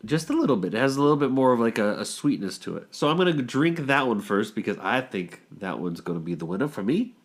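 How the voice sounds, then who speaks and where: A man in his thirties hosts a casual podcast, stuffed up from a cold. He rambles and jokes, filling gaps with "like" and "uh" at a middling pitch. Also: very animated, quick pace, few pauses. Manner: rambling, jokey, lots of fillers. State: congested from a cold. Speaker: podcast host. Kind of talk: casual chat.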